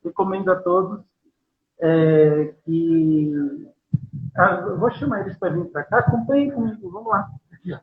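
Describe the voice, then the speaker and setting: A man's voice: high voice, normal speed. A man from São Paulo with a Paulistano accent, a poet being interviewed over a video call, speaking hesitantly with many fillers and tag questions. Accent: Paulistano Brazilian Portuguese. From São Paulo, Brazil. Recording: tinny phone-like call audio.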